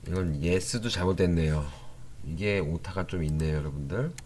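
A man's voice: deep voice, normal speed, slight background noise. A man teaching an English grammar lesson online, reading example sentences aloud and checking back with his learners as he goes. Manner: explains while typing, reads English example sentences aloud; lively, with many rising questions to the learners.

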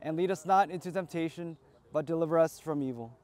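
High-voiced priest reciting funeral prayers. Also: male voice, darkish tone. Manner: measured liturgical recitation. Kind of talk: graveside funeral rite.

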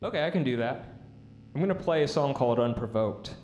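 A man's voice: mid-range voice, expressive, a little fast, reverberant. A man live-streaming his music, chatting casually with viewers and answering their comments in an easygoing, rambling way. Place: room set up for live music. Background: instruments.

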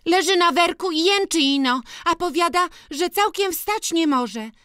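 A fretful young village girl speaks in a very high, plaintive voice with rustic dialect, as the audiobook's reader puts her on. The sound is dry and close. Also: animated, unhurried, fairly bright tone, no echo, full character voice. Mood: whiny worried.

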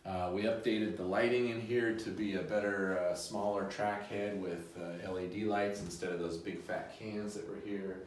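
A middle-aged man giving a casual guided tour of a museum's restored rooms, often pausing with fillers as he walks and explains. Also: lowish voice, fairly even intonation, recorded from a distance. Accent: Pacific Northwest American. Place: large empty house museum rooms with bare walls, indoors. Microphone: handheld phone camera following him, often several steps away. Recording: roomy echo, speaker off mic.

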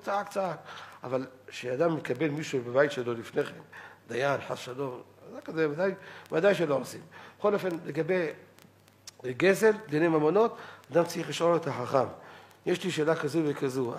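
A middle-aged man delivering a halachic lecture as a rabbi, animated and repeating words for emphasis. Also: on the high side. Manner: animated, quotes others in acted voices, repeats words for emphasis. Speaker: rabbi giving a weekly Torah lecture. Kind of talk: Saturday-night halachic lecture.

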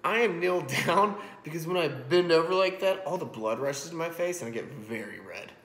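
With a slightly high, a bit bright voice and lively intonation, this thirtysomething man speaks a little fast while hosting a casual cooking vlog. He explains as he cooks, chatty and self-deprecating. His home kitchen sounds roomy and echoey through an iPhone set on a stack of books.

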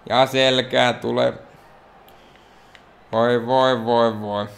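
A man from Finland giving excitable, self-mocking let's play commentary on a wrestling game, talking to the characters on screen. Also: mid-range voice, gravelly. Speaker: gaming YouTuber.

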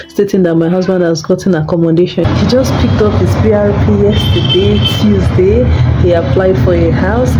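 A young woman from Nigeria, chatting casually in a vlog about renting her first flat. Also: mid-range voice, noisy background. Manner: chatty, conversational storytelling. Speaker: vlogger.

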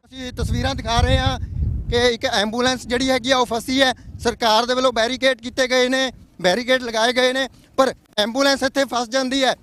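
Male field reporter, very high voice, urgent, impassioned, outdoors at a barricade. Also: level tone, a little fast, a bit bright, soft background music. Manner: urgent, impassioned, appealing to officials. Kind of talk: live on-the-spot news report.

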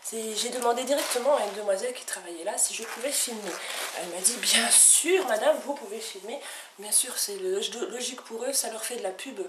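A woman's voice: a little high, a little fast. A woman vlogger chatting casually to camera, enthusiastic and full of fillers. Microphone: camcorder. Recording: echoey room, somewhat far from mic, faint noise.

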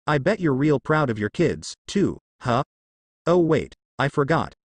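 A man's voice: a little high, sing-song, a little slow, dry recording. Man voicing a defiant young hunter, sarcastic, acting tough.

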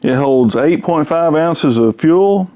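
A man casually reviews a chainsaw in his home garage, rambling in a folksy way with fillers, recorded on a camera-mounted mic. His voice is on the high side with a dark tone, expressive and slow.

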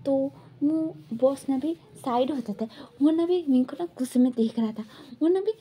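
High, mellow woman retelling a story. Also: moderate pace. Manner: chatty, many filler words.

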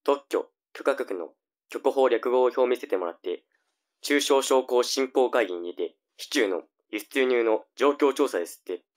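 A man's voice: mid-range voice, expressive, normal speed, natural voice. A man playing a nagging, flippant young older brother in a tongue-twister audio drama. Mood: matter-of-fact.

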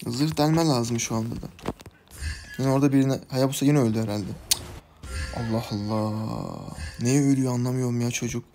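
A man giving live commentary on a mobile game, recorded on a phone, scolding his teammates and swinging between low muttering and loud yelling. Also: fairly even intonation, a little fast, pauses often, slight background noise. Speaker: gaming channel host.

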